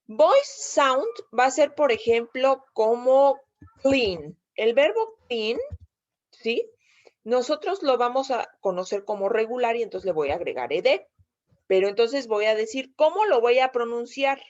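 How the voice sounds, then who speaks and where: A woman's voice: fairly high pitch, very animated, unhurried, darkish tone, dull audio. A woman with a Mexican accent teaching a video lesson, patiently explaining step by step and often checking with her listeners. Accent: Mexican Spanish. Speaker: English teacher.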